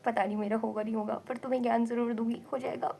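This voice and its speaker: A young woman chats to her camera at home, giggling as she goes. Her voice sits on the high side. A faint hum of the room is heard behind her. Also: flat delivery, fast, vocal fry, dark tone. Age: young adult. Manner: giggly, chatty, mixes English words. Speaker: vlogger, exam dropper. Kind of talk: casual chat to camera.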